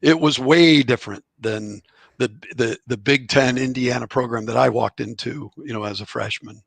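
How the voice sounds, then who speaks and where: Middle-aged male interview guest, gravelly, chatty storyteller, dry recording. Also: medium pitch, normal speed, no room sound. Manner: chatty, rambling anecdotes with chuckles. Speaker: guest, author and former college outfielder. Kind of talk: relaxed storytelling in a podcast interview.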